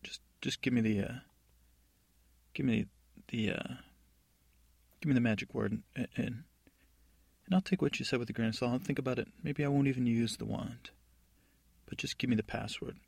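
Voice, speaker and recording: Scheming stepmother, wary and haggling, read by a man in his own gravelly tone. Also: mid-range voice, darkish tone, dry recording. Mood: bargaining. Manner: suspicious, bargaining, halting restarts.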